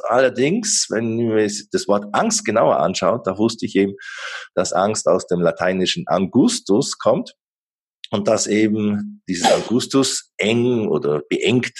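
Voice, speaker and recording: A man's voice: fairly low pitch, slightly rough. A middle-aged man hosting an interview podcast, talking hesitantly with many fillers and restarts. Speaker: podcast host.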